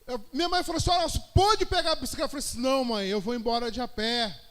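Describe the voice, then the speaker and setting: Very high-voiced Brazilian preacher. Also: male voice, rapid-fire, clear, resonant tone. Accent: Brazilian Portuguese. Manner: testimony-style storytelling, rising to shouted praise. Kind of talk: sermon.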